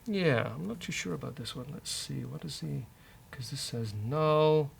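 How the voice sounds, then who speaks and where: A developer and show host, this man mutters hesitantly and thinks aloud through a casual coding session. His voice is on the high side, husky and creaky, expressive and unhurried, with faint background noise present.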